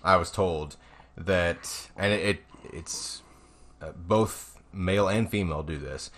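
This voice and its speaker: A man's voice: low voice, slow pace. A man chatting casually as a co-host, joking and laughing as he talks. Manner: laughing, animated storytelling. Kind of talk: casual chat.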